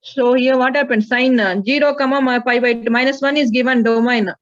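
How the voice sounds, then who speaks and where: A woman's voice: fairly high pitch, fairly even intonation, a little fast. A woman with an Indian accent teaching a maths class, working through problems and prompting students with questions. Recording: dull, lo-fi audio.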